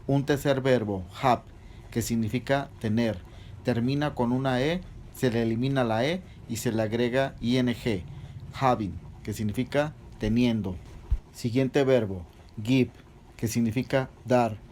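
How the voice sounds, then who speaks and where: Patient man explaining English grammar slowly. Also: mid-range voice, a little mellow, slight background noise. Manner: patient, spells out letters one by one. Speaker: English teacher. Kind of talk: slow step-by-step grammar explanation.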